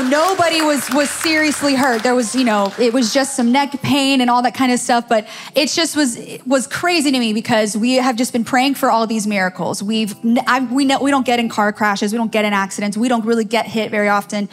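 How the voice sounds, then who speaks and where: A young woman tells her church testimony in a lively, storytelling way, often breaking off and restarting her sentences. Her voice sits a little high, with soft music faintly underneath. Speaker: church staff member giving testimony.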